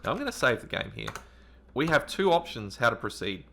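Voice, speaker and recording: A man's voice: mid-range voice, very animated, a little fast, vocal fry, pushed and bright, slight background noise. A man hosting a retro gaming channel, reading game text aloud and thinking aloud with hesitant ums as he plays. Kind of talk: let's-play commentary reading game text.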